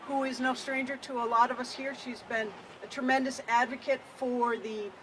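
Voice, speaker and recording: A woman's voice: high-pitched, steady tone, normal speed, a bit bright, slight background noise, poor audio. A woman hosting a rally, thanking the crowd and introducing speakers with many fillers. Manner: appreciative, filler-heavy. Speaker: event host. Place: outdoors at a public rally.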